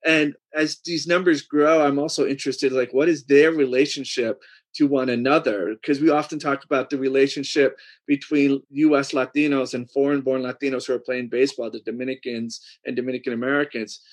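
A man's voice: medium pitch, steady tone, fairly quick. Guy on a panel, kinda hesitant, fumbles for names as he talks. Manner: hesitant, searches for names with fillers. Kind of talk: discussion, thinking aloud.

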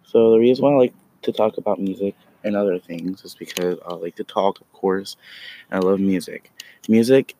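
Rambling low-voiced man outdoors. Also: a little fast, mellow, a little hiss or hum, rough recording. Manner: enthusiastic, rambling, repeats himself. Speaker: vlogger. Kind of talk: casual rambling talk to camera. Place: outdoors in the cold, street traffic nearby.

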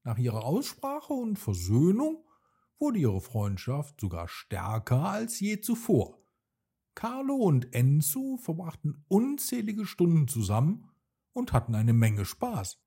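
Bedtime narrator: man, gentle, mellow, slightly husky. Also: a little high, wildly swooping pitch, slow pace. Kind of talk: scripted bedtime story narration.

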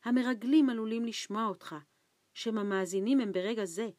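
A woman reading an audiobook, voicing a frightened, starving old man who talks in anxious, hushed pleas. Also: no echo, lightly acted. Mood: fearful. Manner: anxious hushed pleading, raised pitch. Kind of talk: audiobook character voice.

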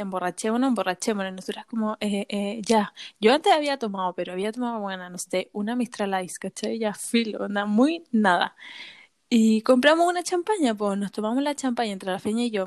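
A woman's voice: medium pitch, fast, no echo, clean studio sound. A young woman with a Chilean accent, chatting casually and telling a story full of slang and laughter. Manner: lively storytelling with heavy slang, often laughing. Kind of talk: casual chat.

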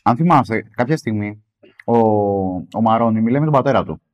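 Brief: male podcast co-host, casual film chat, halting delivery with frequent fillers, pitch that jumps up often, mid-range voice. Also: expressive, dull audio.

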